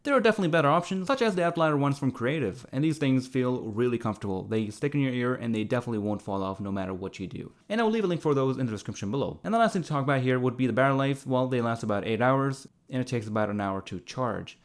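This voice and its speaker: A man's voice: medium pitch, expressive, quick pace, hardly any pauses. A man hosting his own channel, giving a casual, chatty, upbeat product review. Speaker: tech reviewer, channel host.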